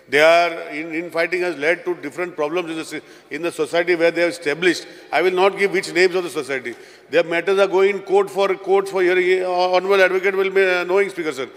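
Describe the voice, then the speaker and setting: A man with a Goan accent moving a bill in a legislative debate, rapidly and repeatedly addressing the Speaker, mixing Konkani and English. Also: high-pitched, a bit bright. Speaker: state minister moving a bill. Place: legislative assembly hall. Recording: long hall reverb.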